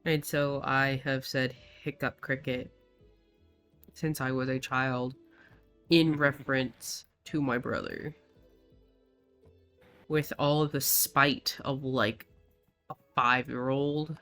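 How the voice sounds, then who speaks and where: A man's voice: medium pitch, slow, a bit bright. A man chatting while playing a game with a friend, telling a funny family story with casual swearing, faint game music behind. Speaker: co-op gaming partner. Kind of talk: casual gameplay chat.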